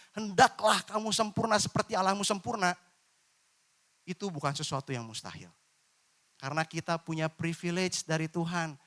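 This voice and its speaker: High-voiced man preaching lively sermon. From Indonesia. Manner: lively, informal preaching with playful voiced examples. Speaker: pastor. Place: church.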